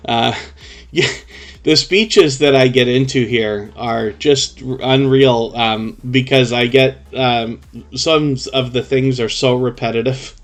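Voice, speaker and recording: A man's voice: mid-range voice, takes it slowly. A male live streamer with a mid-range voice, hosting casually and chatting to viewers. He tends to explain things in long, run-on stretches.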